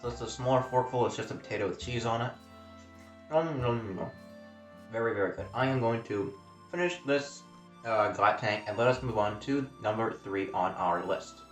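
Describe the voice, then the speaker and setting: A man's voice: fairly low pitch, fairly quick, roomy sound, recorded from a distance, soft background music. A man talking casually in a food vlog, chatty and self-deprecating, tasting food as he goes. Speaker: food vlogger.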